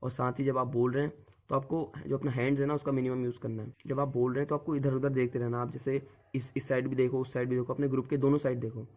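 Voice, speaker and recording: A young man working as an exam coach gives tips on group discussions in a casual spoken lesson, speaking directly and often repeating the same filler word. He talks fast in a medium-pitched, slightly mellow voice with little pitch movement.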